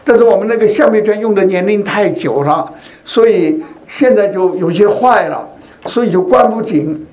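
High-voiced man preaching conversationally. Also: moderate pace, a little mellow. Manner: conversational, often asks the congregation rhetorical questions; tells personal stories to make a point. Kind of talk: sermon.

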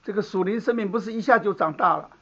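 High-voiced preacher man, lo-fi recording. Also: fast, bright, forceful tone. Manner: conversational teaching, asks the room "好不好". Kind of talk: sermon. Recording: dull lo-fi recording.

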